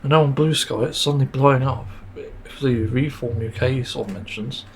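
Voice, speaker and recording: Male podcast host, solo rant, irritated and sweary, hoarse-ish throat, light background hiss. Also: mid-range voice, moderate pace. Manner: frustrated, swearing, many fillers and sighs. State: sore throat, mint in mouth.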